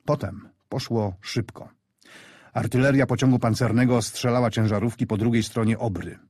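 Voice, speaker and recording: A man narrating a war story in a measured storyteller's way, lifting his voice for the soldiers he quotes. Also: medium pitch, a little mellow, husky, dry recording, clean studio sound.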